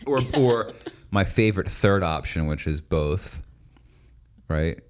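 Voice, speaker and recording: A man's voice: deep voice, slow. A man in his thirties co-hosting a podcast, telling stories in casual chat and acting out quoted voices with frequent laughs. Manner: animated, laughs often, acts out quoted voices. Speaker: podcast co-host.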